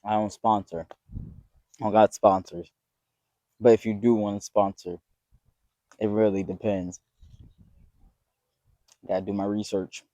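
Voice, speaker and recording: A young man in his twenties with a low, mellow voice gives a loose, heartfelt pep talk straight to his viewers. He rambles and swears freely, earnest throughout. The sound is close and dry with no room around it. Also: steady tone, unhurried, pauses often, no room sound. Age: 20s. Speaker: vlogger. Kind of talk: casual motivational talk to camera.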